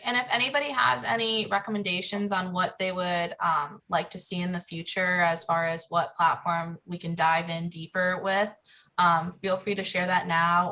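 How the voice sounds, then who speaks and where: A woman with a bright, forceful voice answers questions on a video call. She sits a little low in pitch and keeps an upbeat, friendly manner. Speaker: social media presenter. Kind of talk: casual webinar Q&A.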